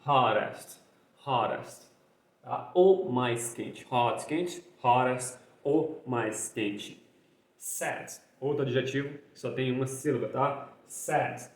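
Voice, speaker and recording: A man's voice: mid-range voice, a little mellow. Man teaching grammar in a roomy echo. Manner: ends phrases with a questioning "tá?"; slows to spell out and repeat examples. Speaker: English teacher. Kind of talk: explaining grammar in Portuguese.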